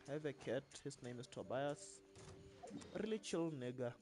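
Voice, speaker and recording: A streamer chatting casually while gaming, relaxed, with a slight stutter. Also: medium pitch, normal speed, noisy background. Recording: loud music playing behind. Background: music.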